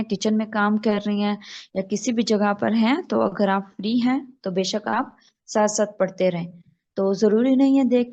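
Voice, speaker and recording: A woman teaching an online tajweed class, patiently explaining and slowly modelling each recited phrase. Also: medium pitch, a little mellow, highs cut off.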